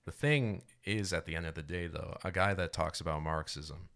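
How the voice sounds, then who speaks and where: Bright-voiced young man rambling on a podcast. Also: low-pitched, moderate pace, creaky. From United States. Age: 20s. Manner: rambling, swearing, laughs often, restarts sentences. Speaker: podcast co-host. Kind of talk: casual podcast debate.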